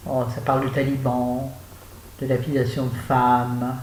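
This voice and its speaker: A woman's voice: very deep voice, completely flat delivery, measured pace, darkish tone. Chatty older Frenchwoman in an echoey room. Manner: rambling, self-mocking, exclamatory. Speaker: book vlogger. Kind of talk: chatty home video. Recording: echoey room with faint hum.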